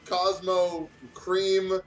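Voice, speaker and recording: With music behind him, a let's play channel host reads fan fiction casually in a voice that sits high, his delivery flat and his words drawn out. He's goofy and giggly, regularly stumbling over what he reads.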